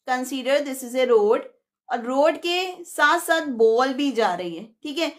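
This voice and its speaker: A young Pakistani woman leads a live online lesson in a high, somewhat bright voice, speaking without hurry. She walks through the material step by step, switching between Hindi-Urdu and English.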